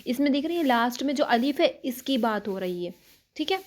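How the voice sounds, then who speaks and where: In an online tajweed lesson, a woman with a high, expressive voice teaches the rules of Quran recitation. She explains patiently, step by step, often checking that her students are following, and chants the Arabic words slowly and drawn out.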